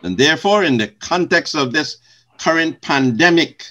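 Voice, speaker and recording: An older man from Guyana, a retired pastor, answering interview questions in slow, measured, formal phrasing. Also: fairly high pitch, expressive, bright, forceful tone, lo-fi sound.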